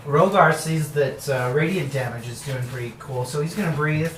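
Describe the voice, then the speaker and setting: A young man playing a tabletop game, describing his character's move in a drawn-out way. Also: fairly high pitch, a bit bright, a little hiss or hum. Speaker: player. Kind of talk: casual tabletop play. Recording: echoey room, distant mic.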